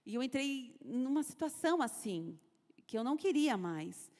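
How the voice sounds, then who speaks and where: A woman's voice: high voice, big pitch swings, normal speed, a little mellow. A Brazilian woman giving an earnest, emotional personal testimony at a women's church service, repeating phrases as she tells her story. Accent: Brazilian Portuguese. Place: church sanctuary. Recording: echoey church hall.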